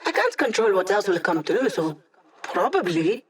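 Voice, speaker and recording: A woman's voice: mid-range voice, sing-song, moderate pace, roomy sound, far from the mic, lightly acted. A woman voicing a cocky, playful young female hacker in a video game, with a wry, teasing, self-assured delivery. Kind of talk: video game character voice lines.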